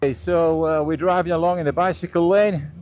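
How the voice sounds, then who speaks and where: A man's voice: fairly high pitch, fairly even intonation, brisk. A man giving casual, chatty motovlog commentary like a tour guide while riding outdoors, with vehicle and wind noise around him. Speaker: motorcycle vlogger and host. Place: outdoors, riding a motorbike along roads.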